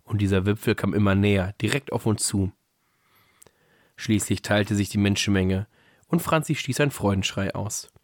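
A man co-hosting a podcast who reads a Christmas story aloud in a calm storybook manner. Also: on the low side, moderate pace, no room sound, studio quality. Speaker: podcast co-host reading a story.

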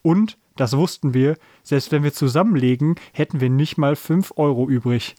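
Expressive male storybook reader, dry sound. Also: fairly high pitch, moderate pace, no room sound. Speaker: podcast host reading a story. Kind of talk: storybook reading aloud, then casual chat.

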